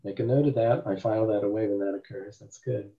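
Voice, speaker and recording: A man's voice: on the low side, fairly even intonation, quick pace, vocal fry, mellow. A man, a therapist, giving an informal class to a group. He talks emphatically and rambles, and he often asks rhetorical questions. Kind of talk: informal teaching talk. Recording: dull lo-fi recording.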